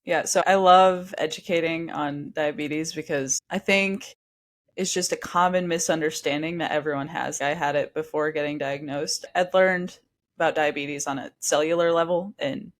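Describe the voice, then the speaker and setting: A woman in her twenties with a deep, steady voice appears as a podcast guest, with slight background noise behind her. She tells a long personal story casually and chattily, sounding a bit stuffy from allergies. She talks quickly, saying "like" a lot and often restarting.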